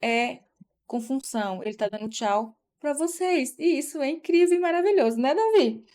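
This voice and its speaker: A woman's voice: sits high, expressive, moderate pace, darkish tone. A young woman in casual live-stream chat, talking to viewers and checking in with tag questions.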